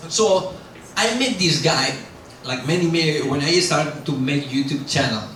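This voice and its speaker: On the high side and slow, with long pauses, a middle-aged man who isn't a native English speaker delivers a casual guest lecture with Q&A at a university. He rambles loosely through fillers and self-corrections, bluntly mocking himself. The very echoey lecture hall is large, the mic sits far away, and a faint hiss runs throughout.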